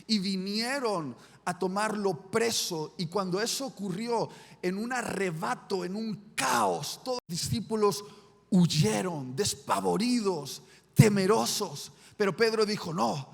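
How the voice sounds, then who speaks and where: A man's voice: high-pitched, measured pace, gravelly. A man with a Spanish accent from Spain, preaching a sermon in a dramatic storytelling way. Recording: reverberant church hall.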